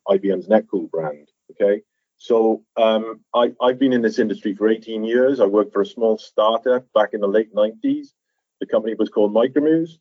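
A man who is a guest on a podcast, explaining his work in a measured way with some fillers and restarts. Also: on the low side, slightly rough, no room sound. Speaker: podcast guest, software architect. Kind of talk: conversational interview. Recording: tinny phone-line audio.

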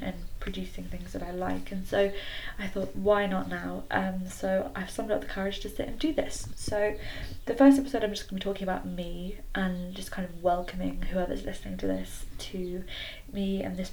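A woman's voice: mid-range voice, darkish tone, rough recording. A nineteen-year-old woman chats casually and a little hesitantly as a solo podcast host, recorded in a small wooden shed. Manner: hesitant, self-effacing. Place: small wooden garden shed, slightly echoey. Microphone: computer recording. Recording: clicky home recording with background noise.

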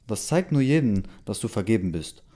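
Ein Mann liest die Rolle eines jungen Freundes, der ruhig beschwichtigt und um Verzeihung bittet. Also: male voice, on the low side, brisk. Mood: pleading. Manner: calm, pleading. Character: young man, boyfriend pleading and soothing.

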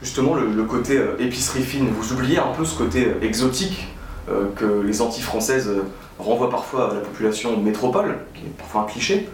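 A man interviewing a business owner, asking structured questions at a brisk pace. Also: mid-range voice, a little hiss or hum. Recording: roomy and distant with faint background ambience.

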